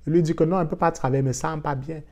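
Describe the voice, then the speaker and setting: A man from Africa telling a casual personal story for his vlog in a lively way, dropping in English words. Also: on the high side, rapid-fire. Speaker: vlogger.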